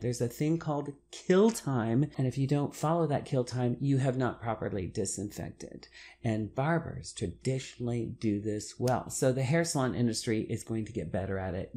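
A man's voice: medium pitch, darkish tone. A middle-aged man, a hairdresser, giving advice to camera while seated in a small room, stressing points by repeating words and gesturing as he talks. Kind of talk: talking-head advice video.

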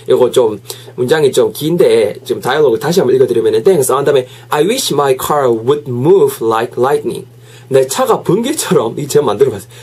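A man teaching English in a casual video lesson. He is lively, mixes in English phrases and drills them again and again. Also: mid-range voice, breathy edge.

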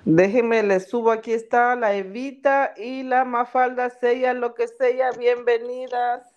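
A woman's voice: fairly high pitch, flat delivery, measured pace, darkish tone, lo-fi sound. A woman hosting a casual live stream, chatty and laughing often as she greets viewers by name. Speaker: podcast live-stream host. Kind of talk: casual live-stream chat reading comments.

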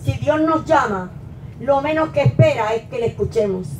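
A middle-aged woman pastor preaching a sermon at a pulpit into a handheld mic, rising to emphatic peaks and then dropping low. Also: lively intonation, moderate pace, darkish tone, slight background noise. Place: small church hall, at a wooden pulpit. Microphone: handheld mic, filmed from a distant camera. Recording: echoey church hall from far off.

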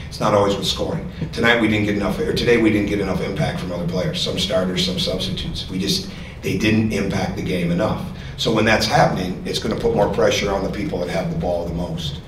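A middle-aged man, a basketball coach, answering questions at a postgame press conference in an earnest manner, often repeating words while he thinks. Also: low-pitched. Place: press room with sponsor backdrop. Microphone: podium mic. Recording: echoey room, distant mic, noisy.

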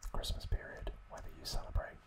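An ASMR host, a man, whispers gently and unhurriedly, speaking softly and directly to his listeners.

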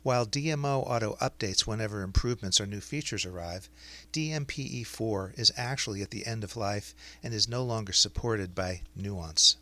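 A man narrating a scripted explainer as a software demonstrator. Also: on the low side, moderate pace, hardly any pauses, dry recording.

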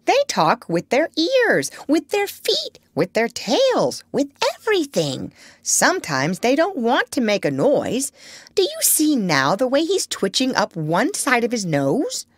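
Woman voicing a bossy, high-pitched parrot. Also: wildly swooping pitch, measured pace, no echo, clean studio sound, exaggerated voice. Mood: instructive. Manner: insistent, instructive. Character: bossy, clever, proud female parrot advisor. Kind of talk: children's storybook character reading.

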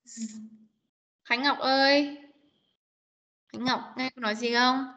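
A high-voiced woman teacher leads an online lesson, her tone bright and clear. She patiently coaxes her students and repeats each sound for them to copy. The video call audio is dull and muffled. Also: fairly even intonation, takes it slowly. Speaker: English teacher. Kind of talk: online class coaching pronunciation.

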